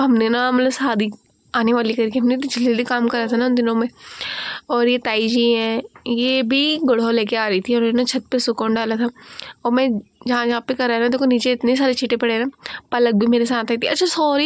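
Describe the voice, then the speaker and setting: Young woman vlogger, casual and giggly, high-ish voice, close dry voice-over. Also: no echo. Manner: chatty, giggly, repeats words often.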